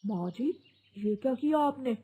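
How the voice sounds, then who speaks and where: A woman's voice: high-pitched, lively intonation, a little slow, warm tone, breathy edge, exaggerated voice. A woman voicing a stern young male sparrow in a cartoon, a husband who sides with his mother. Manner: stern and reproachful.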